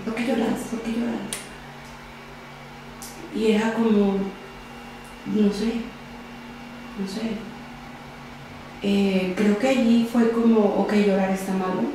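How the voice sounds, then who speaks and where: Soft-spoken woman in an echoey room. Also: medium pitch, a little hiss or hum. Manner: soft-spoken, often trailing off quietly. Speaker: podcast guest. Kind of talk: personal testimony in an interview.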